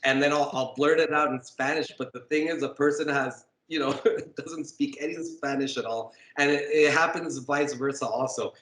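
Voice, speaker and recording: A man's voice: fairly high pitch, steady tone, normal speed, fairly bright tone, roomy sound, rough recording. A Texas-born man raised partly in Mexico, a guest on a podcast, talking in a laid-back, rambling way with lots of fillers. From Texas, USA, raised partly in Mexico. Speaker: podcast guest, metal sculptor. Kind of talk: casual interview chat. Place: home room with fans and air conditioning.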